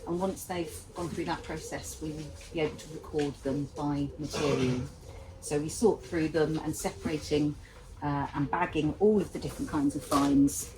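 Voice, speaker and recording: A woman, the finds manager at a dig, explaining her work in a steady, practical way. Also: low voice, moderate pace. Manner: steady and practical, with some fillers. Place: outdoor excavation site. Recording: noisy outdoor recording.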